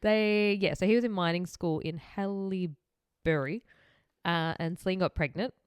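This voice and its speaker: A woman's voice: on the low side, moderate pace, clean tone, dry recording, clean studio sound. A young Australian woman co-hosting a casual true-crime podcast, rambling through her notes with frequent giggles. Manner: giggly, rambling, reads case notes aloud. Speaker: podcast co-host.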